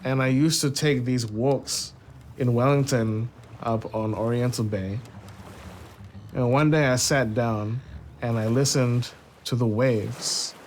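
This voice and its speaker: A man's voice: mid-range voice, fairly even intonation, slow pace, slight background noise. A man, a jazz musician speaking thoughtfully in a documentary interview, often hedging with "sort of" and "like". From born in Singapore, raised in New Zealand.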